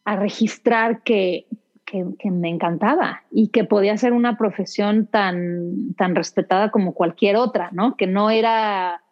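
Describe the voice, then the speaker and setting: A woman from Mexico City with a Mexico City Spanish accent, an actress chatting as an interview guest in a lively, rambling way. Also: medium pitch, measured pace. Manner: chatty, many restarts and fillers. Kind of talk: casual interview conversation. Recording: dull lo-fi sound.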